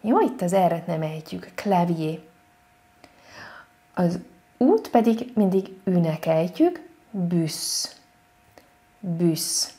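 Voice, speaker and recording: A woman French teacher giving an online lesson, patient and repeating each example word slowly. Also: on the low side, lively intonation, warm tone.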